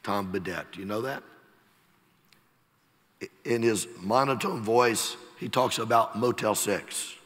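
A middle-aged man with a Texas accent, preaching a sermon slowly and emphatically, letting his phrases fall away softly at the ends. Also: mid-range voice. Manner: slow, emphatic preaching with soft trailing endings. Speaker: pastor. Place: large church sanctuary. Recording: long church hall reverb.

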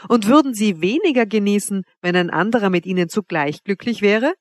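A woman's voice: medium pitch, expressive, brisk, dry recording, lightly acted. A woman reading an audiobook, voicing a haughty young noblewoman who teases her suitor with cool mockery. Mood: probing. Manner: teasing, coolly mocking. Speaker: princess Wanda.

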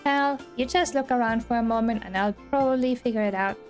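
A woman's voice: fairly high pitch, a little fast, a little mellow, soft background music, natural voice. A woman reading the lines of a grumbling male snail villager from a game. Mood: complaining. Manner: complaining, gossipy. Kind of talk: reading game dialogue aloud.

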